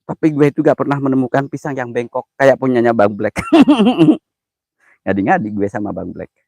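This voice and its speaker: A man's voice: mid-range voice, quick pace, creaky, no echo. Jittery man on a live stream. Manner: jittery, mutters prayers under his breath between loud chatter. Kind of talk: casual live-stream chat.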